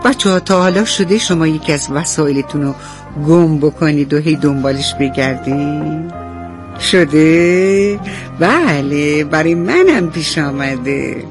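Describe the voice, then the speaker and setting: A woman's voice: low voice, animated, music in the background. Sing-song woman telling a bedtime story. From Iran. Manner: warm, sing-song, addresses children. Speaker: radio storyteller. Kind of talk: bedtime story narration for children.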